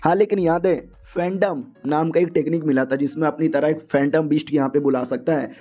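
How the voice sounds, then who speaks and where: A man's voice: fairly high pitch, fairly even intonation, a little fast, mellow, faint music behind. Chatty man recapping a manga story. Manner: chatty, informal, laughing asides. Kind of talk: casual manga recap narration.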